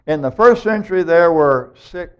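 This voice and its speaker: A man preaching a sermon, emphatic and animated, acting out the people of scripture as he tells them. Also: fairly high pitch, normal speed, smooth. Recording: dull lo-fi recording.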